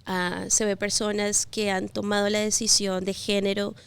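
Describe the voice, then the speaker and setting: Soft-spoken Colombian-born woman, gravelly flat voice. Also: medium pitch. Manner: gentle, reflective, many pauses and fillers. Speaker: guest. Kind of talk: personal testimony interview.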